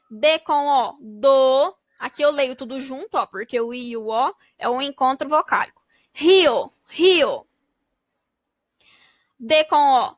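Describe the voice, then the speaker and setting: A woman teacher with a high, bright voice, sounding out syllables slowly and patiently for children. The recording is dry and close, with no room around her. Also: no echo. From Brazil. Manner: slow, syllable-by-syllable reading. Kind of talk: spelling out syllables for young pupils.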